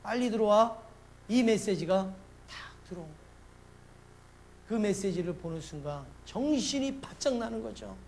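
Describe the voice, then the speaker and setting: A male pastor preaching a sermon, questioning the congregation and acting out a story with sudden swings between quiet and loud. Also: high voice, lively intonation, normal speed, gravelly, a little hiss or hum. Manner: asks the congregation questions and acts out a story with big swings in loudness.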